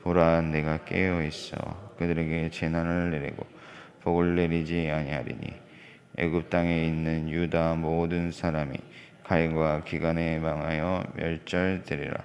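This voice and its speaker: A man reading scripture aloud in church, with a solemn, measured and even recitation. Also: rumbling low. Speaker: scripture reader.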